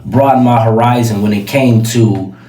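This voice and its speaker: A man's voice: medium pitch, fairly even intonation, normal speed, warm tone, echoey room. A man from Chicago co-hosting a podcast, talking in casual, playful banter and jumping in over the others. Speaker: podcast co-host.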